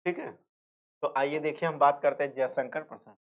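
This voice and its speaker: A man's voice: a little high, moderate pace. Male teacher, tinny phone-like sound. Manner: repetitive, asks and answers his own questions; slips into rural dialect for jokes. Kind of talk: exam revision lecture.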